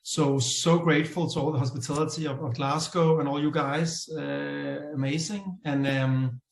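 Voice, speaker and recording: Higher-pitched man in an echoey room. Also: steady tone, moderate pace, vocal fry. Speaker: speaker thanking hosts. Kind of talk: informal speech of thanks.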